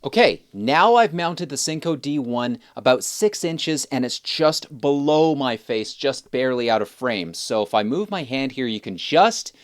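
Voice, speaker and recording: A man's voice: mid-range voice, animated, a little slow, few pauses. A man presenting a hands-on microphone test in a casual, informal, explanatory way. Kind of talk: casual hands-on gear review talk. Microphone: test microphones at varying distances, clip-on and shotgun.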